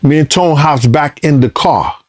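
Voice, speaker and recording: A man, a former bodyguard, telling a story in a casual interview, cursing freely and acting out what people said, his voice rising high and loud in the tense parts. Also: normal speed. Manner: profane, re-enacts dialogue, voice climbs high and loud when excited. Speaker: former bodyguard recounting events.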